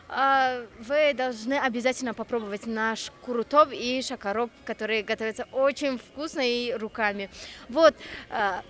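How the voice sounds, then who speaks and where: A woman's voice: a little high, fairly bright tone. A woman from Tajikistan, working as a TV reporter, chatting and prodding with questions in an informal interview. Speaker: TV reporter interviewing festival participants.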